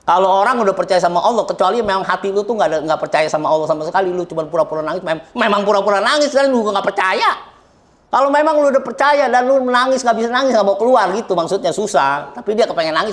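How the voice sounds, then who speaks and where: A man's voice: high-pitched, quick pace. A middle-aged man from Indonesia, a guest talking bluntly and joking as he tells his story. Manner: blunt, joking, laughs often, preachy. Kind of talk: casual chat.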